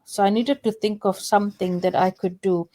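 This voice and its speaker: Casting: middle-aged woman, Fiji Indian accent, mid-pitched, halting and conversational co-host. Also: fairly even intonation, dark tone. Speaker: co-host introducing herself. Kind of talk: conversational personal introduction.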